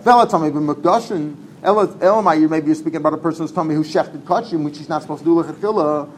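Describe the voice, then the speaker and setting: A man giving an informal Talmud class, talking fast and animatedly, repeating himself and mixing in Hebrew terms. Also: fairly high pitch, a little hiss or hum, low-quality recording. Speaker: Talmud teacher.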